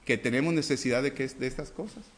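A man preaching a sermon and reading scripture aloud, asking the congregation rhetorical questions and swinging between loud emphasis and quiet asides. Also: mid-range voice, fast. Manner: reads scripture aloud, acting out the dialogue.

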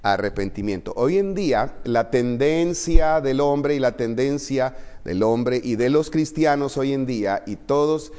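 A man preaching a sermon as pastor, asking the congregation question after question and shifting between loud emphasis and quiet, close talk. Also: medium pitch, expressive, unhurried, few pauses, smooth, long reverb tail.

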